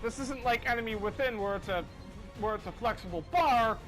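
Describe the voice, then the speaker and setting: A gaming commentator plays a video game while offering casual, rambling, self-deprecating remarks. His voice is very high and a bit bright, his pace brisk, and faint game music plays in the background.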